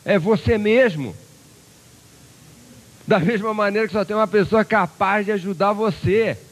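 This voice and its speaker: Give me an animated motivational speaker telling stories on stage, slightly high-pitched. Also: male voice, a little fast, rough recording. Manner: animated storyteller who acts out voices. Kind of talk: motivational lecture with storytelling. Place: lecture hall before an audience.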